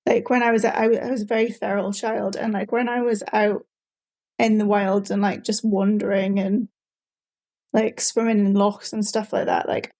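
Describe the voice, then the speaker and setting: A woman's voice: mid-range voice, creaky, dark tone, low-quality recording. A woman, a podcast guest talking reflectively in a casual group conversation. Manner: reflective, many "like" fillers.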